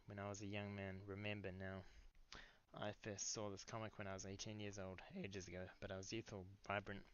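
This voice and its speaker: A young man with a lowish voice delivers a mock-solemn comic monologue in grave, deadpan earnest tones, now and then breaking into a sudden loud outburst. The recording is dull and lo-fi, with muffled highs. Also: fairly quick, clean tone. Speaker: comedic monologue performer.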